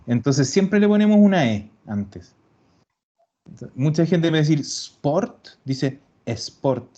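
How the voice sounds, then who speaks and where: A man teaching an online language class, explaining patiently and slowing down to repeat example words. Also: fairly high pitch, sing-song, mellow. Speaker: Italian teacher. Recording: dull lo-fi recording.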